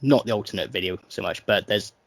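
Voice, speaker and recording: A man with a low, creaky voice talks fast as a co-host on a casual music podcast. His manner is wry and joking, and he mimics people when quoting them.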